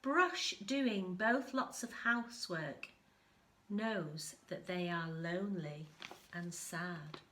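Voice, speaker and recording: An infant school storyteller, a woman with a lowish, bright and forceful voice, reads a picture book aloud to young children. She reads expressively and breaks off to explain things.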